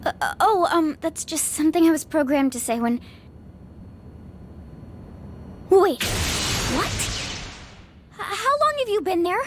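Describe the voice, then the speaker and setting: A woman's voice: sits high, a little fast, darkish tone, a little hiss or hum, lightly acted. An actress playing an earnest, flustered young android bride in a video game, girlish and stammering. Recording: music behind the voice.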